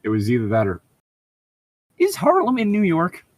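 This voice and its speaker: Co-hosting a comedic read-aloud, a man reads fan fiction and mocks it, trading casual banter full of sarcasm, jokes, and profanity. His voice sits high with huge pitch swings, and he talks at a normal speed with no echo.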